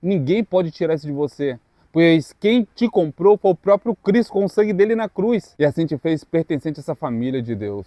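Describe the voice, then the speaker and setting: A man preaching a devotional sermon. He speaks earnestly in short, measured phrases with pauses. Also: medium pitch, warm tone, no room sound.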